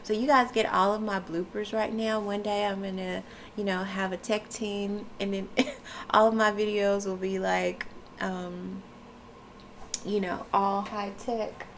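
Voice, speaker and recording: Speaking casually into a camera mic, a female wellness vlogger sounds congested and froggy, rambling with many fillers. Her medium-pitched voice stays level at a measured pace over a little hiss or hum.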